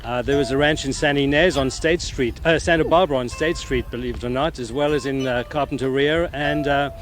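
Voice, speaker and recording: A man's voice: medium pitch, fairly even intonation, a little fast, a little hiss or hum. A man from South Africa who runs an ostrich ranch, easygoing and explanatory, often chuckling as he answers questions outdoors at the ranch. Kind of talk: casual interview answers. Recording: archive TV clip with loud music.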